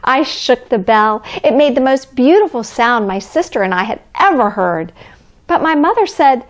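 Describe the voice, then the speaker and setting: A woman playing Mrs. Claus as a kindly storybook reader, gentle and expressive, speaking to children. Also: high-pitched, normal speed. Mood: gentle storytelling. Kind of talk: children's storybook reading, addressing young listeners.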